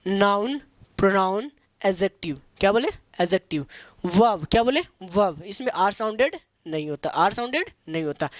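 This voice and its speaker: A man's voice: high voice, dry recording. A man teaching English in a drill style. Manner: asks and answers his own questions, repeats terms, spells words letter by letter; calls students babu and beta. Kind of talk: spoken grammar lesson with drills.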